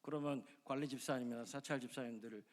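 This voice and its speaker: A man preaching a sermon as pastor, speaking conversationally to his congregation and acting out people's inner voices with sudden loud outbursts. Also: medium pitch, fairly even intonation, fast. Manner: acts out inner voices with dramatic shifts in loudness; conversational, direct address to congregation.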